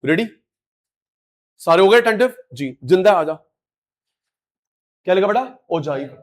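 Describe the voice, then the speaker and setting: A middle-aged man teaching a live online class, animated and coaxing, repeating key words to his students. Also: sits high, measured pace.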